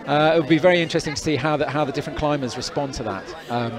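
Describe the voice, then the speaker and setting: Racing along in a fairly high voice, a man provides live sports commentary and interviews at an outdoor climbing event. He's talkative and rambling, with many fillers and restarts, against background crowd noise.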